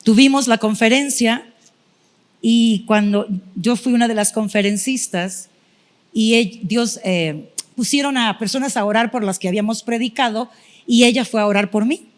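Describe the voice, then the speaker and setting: A woman's voice: a little high, normal speed. A middle-aged woman preacher giving a sermon testimony, telling her story with feeling and acting out her own past prayers.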